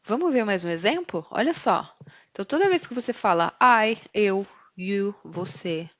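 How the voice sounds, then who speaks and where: A woman teaching English in a podcast lesson, slowing down to model each example sentence. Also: medium pitch, lively intonation, no room sound, dull audio. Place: San Diego, California.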